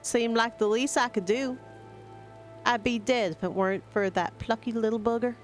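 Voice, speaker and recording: A woman reading game dialogue aloud, voicing a hearty, rough-spoken forest worker with an earthy dialect and rough exclamations. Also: on the high side, steady tone, moderate pace, soft background music, natural voice. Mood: storytelling. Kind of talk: reading video game dialogue in character voices.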